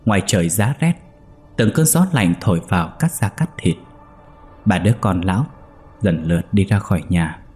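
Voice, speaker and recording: Male storyteller, steady ghost story narration, lowish voice, faint music behind. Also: moderate pace.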